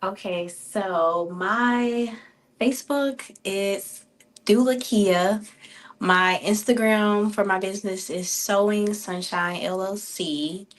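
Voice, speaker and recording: A woman's voice: mid-range voice, slow. Plain-spoken woman chatting informally as a guest. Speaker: doula, interview guest. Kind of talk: casual live interview chat.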